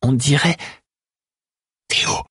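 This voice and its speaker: A man voicing a frightened young woman in an audiobook, speaking in a hushed, urgent murmur. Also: medium pitch, steady tone, fast talker, breathy edge, no room sound, clean studio sound, pitched above the performer's own voice.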